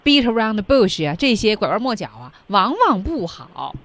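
A woman co-hosting a radio English lesson, chatting in a lively way and prompting the teacher. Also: mid-range voice, normal speed. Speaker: radio co-host. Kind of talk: bilingual radio lesson chat.

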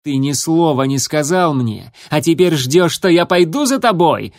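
A man's voice: on the high side, lively intonation, a little slow, pitched above the performer's own voice. A man voicing a sulky striped male warrior cat with wounded pride and a resentful way of talking.

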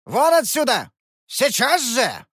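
A woman's voice: high-pitched, huge pitch swings, slow pace, a bit bright, husky, dry recording, studio quality, voice pushed up, exaggerated voice. A woman voicing a growling, scolding old man. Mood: angry scolding. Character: gruff angry old man, grandfather's age. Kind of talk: audiobook character voice.

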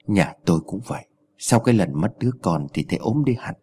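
A man voicing a worn-down young village husband who speaks wearily and stands up to abuse, in a husky voice. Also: lowish voice, lively intonation, a little fast, warm tone. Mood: strained. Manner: weary, resentful, defiant.

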